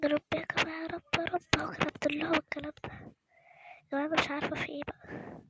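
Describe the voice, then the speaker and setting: A woman with an Egyptian Arabic accent chatting excitedly to viewers as she plays, anxious and often dropping into whispers. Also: high-pitched, very fast, very noisy. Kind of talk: excited playthrough chat to viewers.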